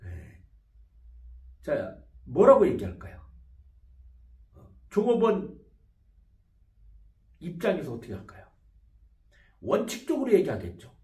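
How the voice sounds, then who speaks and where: Guy lecturing on psych, super animated, acts out little dialogues, roomy echo. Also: on the high side, takes it slowly, long pauses. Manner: animated, acts out short example dialogues in different voices. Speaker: professor teaching psychology. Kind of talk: video lecture. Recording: echoey room, voice from far off mic.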